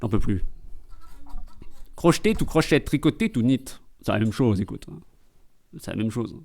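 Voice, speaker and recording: A man's voice: fairly low pitch, lively intonation, normal speed, gravelly, a little mellow. A man streaming live and doing comedic translation commentary, full of joking, rambling asides.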